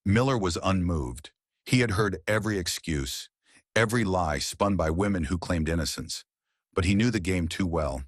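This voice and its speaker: A man narrating a romance story in a measured, dramatic storytelling manner. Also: deep voice, animated, slightly rough, dry recording, studio quality.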